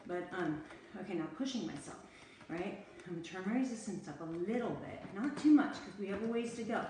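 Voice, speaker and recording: A woman's voice: lowish voice, expressive, a little fast, darkish tone, slight background noise. A middle-aged woman giving casual workout instruction while exercising at home, chatty and short of breath between bursts. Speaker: fitness instructor. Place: home room near stairs. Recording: echoey room, camera far off.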